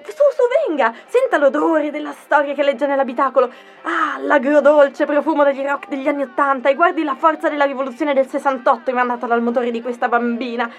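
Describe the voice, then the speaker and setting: A woman's voice: high voice, natural voice. A woman playing an overbearing car saleswoman, with theatrical sales patter and constant tag questions. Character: pushy fast-talking female car dealer. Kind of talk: comic audio sketch.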